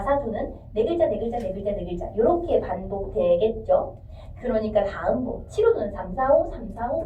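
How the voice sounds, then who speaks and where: A woman teaching a classroom lecture on literature. She talks in a lively way, sings out lines of verse and quizzes her students. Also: mid-range voice, slight background noise. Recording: echoey classroom, distant mic, dull.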